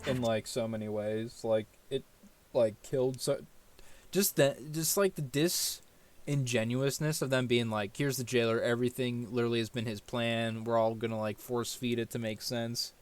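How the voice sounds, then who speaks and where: Over background game music, a male streamer delivers exasperated, sweary, ranting commentary on his gameplay in a casual style. He has a mid-range voice with a steady tone and a moderate pace.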